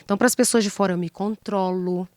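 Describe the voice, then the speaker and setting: A woman's voice: medium pitch, fairly even intonation, quick pace, dry recording. A woman psychologist, explaining relationship advice in an interview with rhetorical questions and acted-out example lines. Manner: didactic, acts out example dialogues, rhetorical questions. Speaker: psychologist guest.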